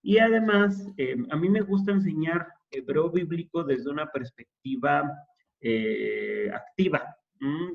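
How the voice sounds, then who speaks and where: A man's voice: a little high, highs cut off. A man teaching an introductory Hebrew class, explaining patiently and checking in with his students. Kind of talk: classroom lesson.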